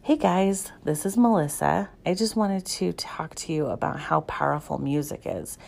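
Low, gravelly woman talking calmly. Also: moderate pace. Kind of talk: casual talk to listeners.

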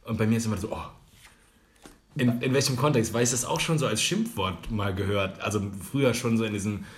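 A man's voice: fairly low pitch, fast talker. A young man co-hosting a casual podcast, talking loosely with slang and swearing, often dropping to a mutter. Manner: loose, swearing, drops into mutters and mock quotes. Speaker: podcast co-host.

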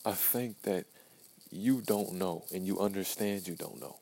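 Talking to himself in a profane, blunt podcast monologue, this early-twenties man repeats phrases to drive points home as a pep talk. He speaks at a measured pace in a deep, gravelly, darkish voice.

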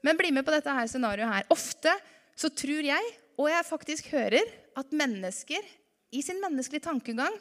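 A woman preaching a lively sermon to her congregation, full of rhetorical questions. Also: high-pitched. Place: church hall. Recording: reverberant church hall.

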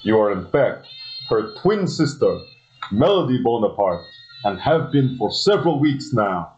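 A man voicing a suave, calculating aristocratic husband in a parody soap opera, with smooth, theatrical delivery. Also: mid-range voice, very animated, measured pace, a little mellow, muffled recording, faint music behind. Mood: smug.

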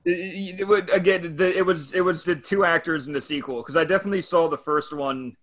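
A man's voice: a little high, a bit bright. A man in a casual movie quote game, often stammering and restarting his sentences. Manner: halting, repeats words. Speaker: quiz game player. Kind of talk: casual chat.

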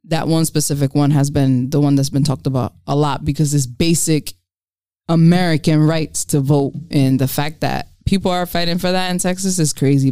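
A woman's voice: deep voice, darkish tone. A woman co-hosting a podcast, talking bluntly and with lots of animation, swearing often as she runs through news items. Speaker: podcast co-host. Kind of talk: casual podcast chat.

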